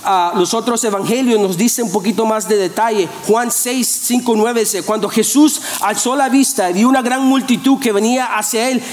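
A man preaching a sermon as pastor, animated, often restarting and repeating his words. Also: high voice, moderate pace, hardly any pauses. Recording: echoey room.

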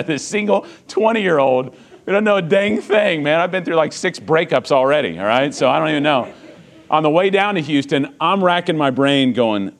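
A middle-aged man from Texas, preaching a sermon as personal storytelling, earnest and moving from hushed lines to loud, emphatic ones. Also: on the high side, animated, moderate pace.

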